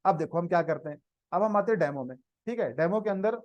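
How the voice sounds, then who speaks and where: A man with an Indian accent delivers a live programming lesson, mixing Hindi and English while checking in with students. His high voice is darkish in tone, with lively intonation and a slightly fast pace. There's no room sound, and the online class audio is dry and slightly dull.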